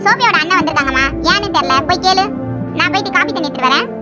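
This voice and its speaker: A woman voicing a gentle, hospitable middle-aged mother in an animated cartoon drama, talking in a welcoming way. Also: extremely high pitch, rapid-fire, loud music behind the voice. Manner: welcoming, homely.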